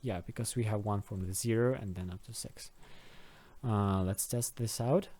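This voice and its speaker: Hosting a video game modding tutorial, this man speaks at a normal pace in a lowish, warm voice. The screen-recorded session is unscripted, and he sounds hesitant as he thinks aloud step by step.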